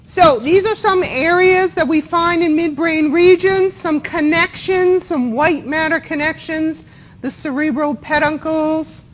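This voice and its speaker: A woman's voice: high-pitched, a little slow, a little hiss or hum, poor audio. A woman with a Boston accent giving a classroom anatomy lecture, chatty and often checking in with students by asking them questions. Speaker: anatomy instructor.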